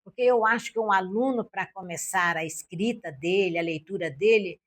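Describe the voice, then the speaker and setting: A woman's voice: mid-range voice, normal speed. An older woman from Brazil, a former school principal and Portuguese teacher, telling classroom stories in an interview and acting out her own and her pupils' lines. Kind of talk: interview, recalling classroom experiences.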